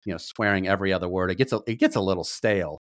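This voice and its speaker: A man's voice: sits low, very fast, no echo. Easygoing male podcast co-host, dry sound. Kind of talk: casual chat.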